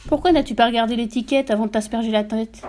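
A shrieking, sharp-tongued mother, vain and bossy, who scolds her husband without letup, put on by a woman reading an audiobook. The voice sits high and loud, well above the reader's usual tone, with biting, insulting words. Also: steady tone, quick pace, close to an everyday voice. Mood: scolding.

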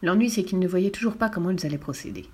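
A woman narrating a children's storybook in a clear, expressive reading voice. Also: on the low side, quick pace. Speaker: audiobook reader.

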